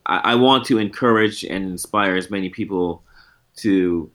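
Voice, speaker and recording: This guest musician, a man in his forties, speaks at normal speed in a voice that sits low and is a bit bright. His casual interview talk is easygoing and reflective, often doubling back on his thoughts.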